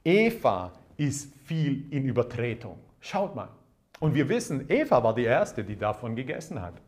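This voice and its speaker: A man's voice: mid-range voice, big pitch swings, normal speed, a little mellow. Male preacher, sermon delivery, emphatic and repetitive, hallelujahs and amens. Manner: emphatic, repeats key phrases, calls out hallelujah and amen.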